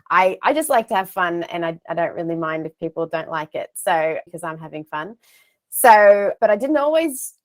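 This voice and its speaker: An Australian woman in her thirties, telling her career story in a chatty, self-deprecating way over an earphone mic on a video call from a home office. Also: mid-range voice. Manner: chatty, self-deprecating, gestures while talking. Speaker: guest speaker. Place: home office with shelves of plush toys.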